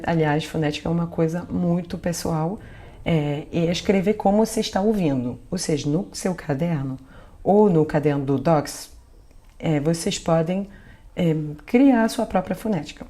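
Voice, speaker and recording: A woman's voice: low voice, normal speed, mellow. A woman from Marseille with a French accent, patiently teaching French pronunciation and repeating example words one by one. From Marseille, France. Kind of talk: online language lesson.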